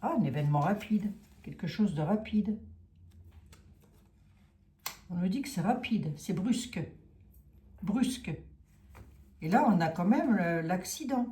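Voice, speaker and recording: A woman's voice: mid-range voice, lively intonation, normal speed, dark tone, reverberant. Musing woman with a Lorraine accent. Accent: Lorraine French. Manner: musing, thinking aloud with many fillers. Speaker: tarot reader. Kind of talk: casual tarot reading livestream.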